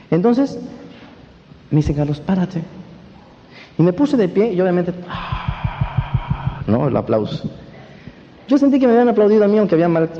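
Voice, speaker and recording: High-voiced Mexican man telling his story. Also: gravelly. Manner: animated storytelling, keeps asking the audience if they follow. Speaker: motivational speaker at a network marketing event. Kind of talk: personal testimony talk. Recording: dull echoey hall recording with faint hiss.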